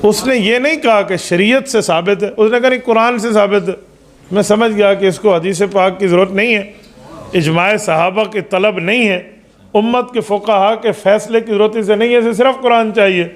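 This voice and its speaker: High-voiced preacher man, rhetorical sermon. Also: normal speed. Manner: animated, rhetorical, drops to low asides. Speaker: Islamic preacher. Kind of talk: religious sermon with anecdote.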